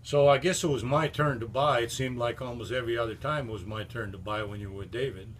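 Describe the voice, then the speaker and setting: A man's voice: medium pitch, quick pace, slight background noise. An older man telling folksy, rambling anecdotes about a longtime friend while endorsing the friend's books. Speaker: friend giving a book endorsement. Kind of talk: casual storytelling.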